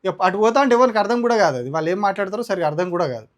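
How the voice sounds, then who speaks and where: A man with a Telangana Telugu accent and a high-pitched voice delivers a combative opinion rant. He argues indignantly, piling up rhetorical questions as a political commentator. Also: animated, rapid-fire. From Telangana, India.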